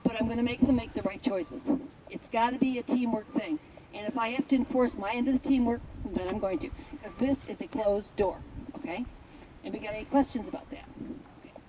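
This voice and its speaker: A woman herding instructor explaining a test to a class outdoors in a blunt, joking, animated way. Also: fairly high pitch, fairly quick, crowd noise, poor audio. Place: outdoors at a sheep field. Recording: outdoor recording with traffic noise.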